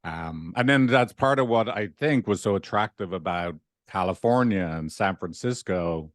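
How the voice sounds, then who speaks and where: Middle-aged man, Dublin Irish accent, lowish pitch, dry sound, casual interview storytelling, rambling and conversational. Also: animated, moderate pace, no room sound. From Dublin, Ireland. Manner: rambling, conversational, often asks "right?". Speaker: podcast guest, relationship therapist.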